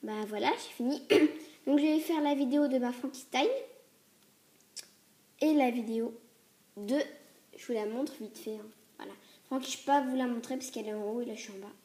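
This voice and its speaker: A hoarse woman casually reviewing a doll on video, chatty and hesitant, with lots of fillers, coughs and throat-clearing. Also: a little high, moderate pace, long pauses, a little mellow. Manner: chatty and hesitant, many fillers and self-corrections. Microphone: tablet mic.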